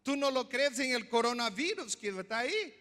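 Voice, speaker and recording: High-voiced man preaching in a reverberant hall. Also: animated, normal speed, sharp tone. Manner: teaching, asks the congregation questions. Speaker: pastor. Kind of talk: sermon.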